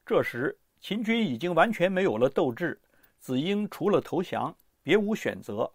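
Lively high-voiced male history narrator. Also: moderate pace, slightly rough, no echo, studio quality. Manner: lively, expressive storytelling. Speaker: audiobook narrator.

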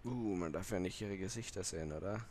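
A man's voice: deep voice, fairly quick, darkish tone, a little hiss or hum. A young man hosting a gaming video in casual chat, sweary and given to outbursts. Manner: crude, sweary, prone to outbursts. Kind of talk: casual Let's Play chat with joking singing.

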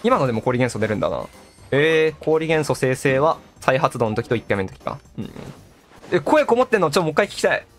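A man doing excitable live gameplay commentary as a streamer. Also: a little high, brisk. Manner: excitable, exclaiming, echoes game lines. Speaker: gaming streamer. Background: game music and sound effects.

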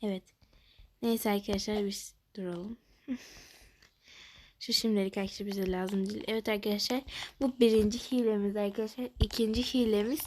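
A woman giving casual commentary on a game, chatting to her viewers and often dropping into a low murmur. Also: fairly even intonation, fairly quick, pauses often, darkish tone, a little hiss or hum. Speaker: gaming youtuber.

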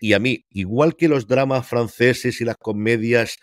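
Unhurried and medium in pitch, a Spanish TV critic co-hosts a casual series review over a remote video call from home. He still speaks emphatically, rattling off rhetorical questions. His headset and desk mic deliver clean, studio-like sound with no room tone.

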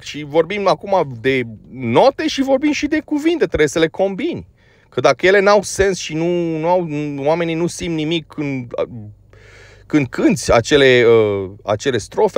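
A man's voice: sits high, no echo. A man from Romania giving a blunt, scolding opinion monologue about a band, full of filler words. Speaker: music commentator.

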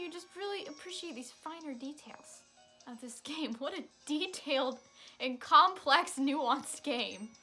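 A woman's voice: sits high, pushed and bright. A young woman giving casual, chatty commentary while playing a video game, with sarcastic asides. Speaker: let's play streamer.

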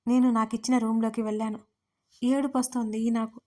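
Higher-voiced woman narrating an audio romance. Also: fairly quick. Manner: lively, emotional storytelling with acted dialogue. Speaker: writer and narrator of audio stories.

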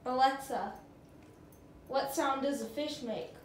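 A woman speaking deliberately in a casual home video, giving voice commands to a smart speaker with pauses after the wake word. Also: sits high. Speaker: pet owner questioning a smart speaker. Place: carpeted room in a home. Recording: roomy echo, faint background noise.

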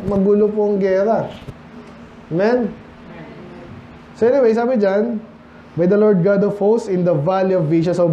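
Filipino pastor, high voice with a warm mellow tone, preaches in an echoey hall, slightly dull recording. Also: male voice. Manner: preaching in Tagalog-English mix, rhetorical questions to the congregation; reads scripture aloud slowly and deliberately. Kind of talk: sermon. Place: church. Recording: echoey church room, slightly dull sound, faint noise.

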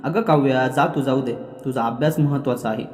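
A man doing a gentle coaxing aunt. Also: medium pitch, brisk, reverberant, long reverb tail, natural voice.

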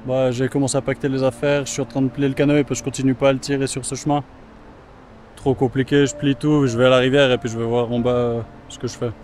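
A fast-talking man with a mid-range voice narrates his solo kayak trip to the camera outdoors by a river, with slight background noise. He's relaxed and chatty, thinks aloud, swears casually now and then, and leans on many fillers.

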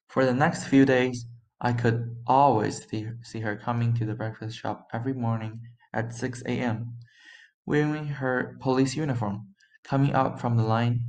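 A man's voice: medium pitch, darkish tone. A teenage boy reading his own historical story aloud for young children, in a plain voice with occasional stumbles. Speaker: student reader.

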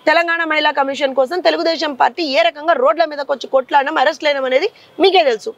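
A woman's voice: high voice, fairly even intonation, no echo, muffled recording. A woman party leader with a Telangana accent, speaking in a combative interview and firing off rhetorical questions. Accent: Telangana Telugu. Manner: fiery, rapid rhetorical questions.

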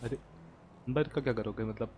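A man joining a city role-play game, teasing his friends with brash, slangy remarks. His voice is mid-pitched and ordinary. Game chat noise hums steadily under him. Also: brisk, darkish tone. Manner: joking, brash banter.

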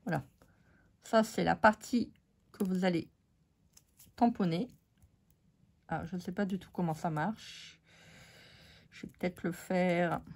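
A woman's voice: on the low side, takes it slowly, gravelly, pauses often, darkish tone. A woman with a French accent losing her voice, chatting casually to viewers about craft supplies with many fillers. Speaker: craft channel host. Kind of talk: casual craft haul chat.

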